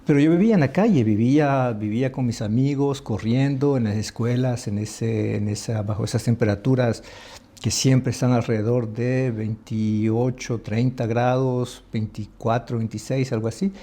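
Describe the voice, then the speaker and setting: A man from El Salvador, an ambassador, talking in an interview in a thoughtful, halting way with many restarts. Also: mid-range voice, mellow. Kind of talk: conversational interview.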